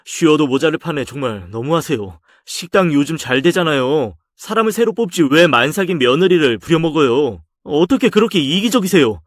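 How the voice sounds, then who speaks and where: A man's voice: a little high, expressive, a little fast, hardly any pauses, no echo, studio quality, close to an everyday voice. A man voicing a young husband who argues with his mother to protect his pregnant wife. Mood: exasperated. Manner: pleading, exasperated. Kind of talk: dramatized story reading.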